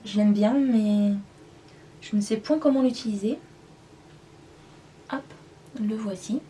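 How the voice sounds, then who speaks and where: Woman beauty vlogger, chatty and rambling, mellow tone, a little far from the camera mic, faint background hiss. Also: mid-range voice, takes it slowly. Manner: chatty, rambling, self-deprecating. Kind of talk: casual makeup review and swatching.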